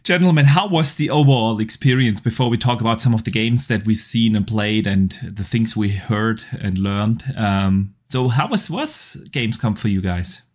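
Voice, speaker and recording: A man's voice: fairly low pitch, animated, normal speed, hardly any pauses, darkish tone. A man hosting a podcast, upbeat and steering the casual chat with frequent fillers. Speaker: podcast host.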